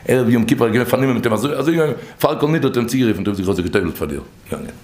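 A man telling stories from religious teachings in an informal, animated way, his voice leaping high and then dropping low. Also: very fast. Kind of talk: informal storytelling talk. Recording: echoey room.

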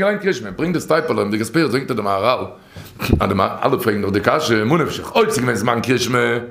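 A man telling stories from religious teachings in an informal, animated way, his voice leaping high and then dropping low. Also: creaky. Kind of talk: informal storytelling talk. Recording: echoey room.

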